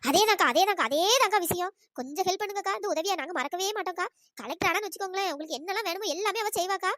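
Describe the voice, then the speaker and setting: A woman's voice: very high voice, a bit bright, no echo. Cartoon role: loyal young village friend, dry close voice, pleading and coaxing, a woman voicing her. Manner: pleading, fast coaxing chatter. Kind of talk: cartoon voice acting.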